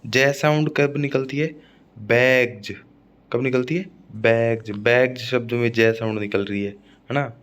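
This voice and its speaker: A man's voice: mid-range voice, fairly even intonation, normal speed. A male English teacher with a Rajasthani Hindi accent, giving an exam-prep phonetics lesson and repeating each word with "है ना" checks. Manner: explains by repeating words and asking "है ना".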